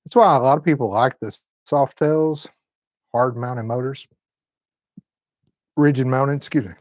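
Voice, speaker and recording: A fifty-year-old man hosting a live stream from home, chatting in an easygoing, folksy Southern manner. His voice sits at a middle pitch. The audio is dry with a slightly muffled, dull top end. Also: measured pace, dry recording. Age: 50s. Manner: folksy, laid-back Southern talk. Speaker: host. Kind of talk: live-stream chat reading comments.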